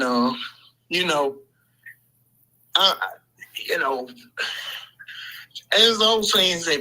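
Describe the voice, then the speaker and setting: A man's voice: a little high, bright, forceful tone. A man calling in to a talk show over the phone, earnest and supportive, rambling with fillers and restarts. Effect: heard over a phone call. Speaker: caller to the show. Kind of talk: casual call-in chat.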